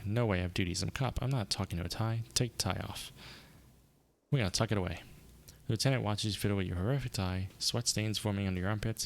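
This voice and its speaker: A man's voice: lowish voice, vocal fry. A man streaming a video game, reading its dialogue aloud and reacting with sarcastic asides.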